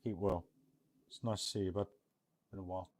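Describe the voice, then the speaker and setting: A British man streams a casual theme park building game, chatting in a chummy way and calling viewers "mate" and "bud." His voice sits low, with a steady, darkish tone and a brisk pace.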